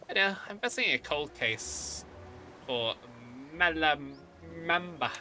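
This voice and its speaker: A man's voice: on the high side, expressive, a little slow, sharp tone, soft background music, voice pushed up, heavily acted. A man voicing an investigator in a noir detective manner, reading game dialogue aloud in character. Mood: businesslike, dramatic. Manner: noir detective delivery, somewhat theatrical.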